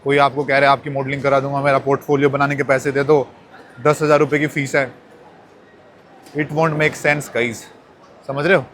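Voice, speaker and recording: A man's voice: mid-range voice, little pitch movement, normal speed, long pauses, a bit bright, a little hiss or hum. A young man vlogging casually as he walks through a busy airport, talking straight to his viewers like friends. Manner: chatty, addresses viewers as brothers. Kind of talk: casual vlog chat.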